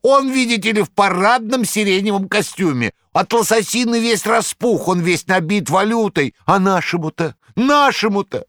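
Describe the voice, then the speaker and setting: A shrill wheedling trickster. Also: male voice, lively intonation, moderate pace, hardly any pauses, a bit bright, no room sound, studio quality. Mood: shrill pleading. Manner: whining, mock-pleading, shrill.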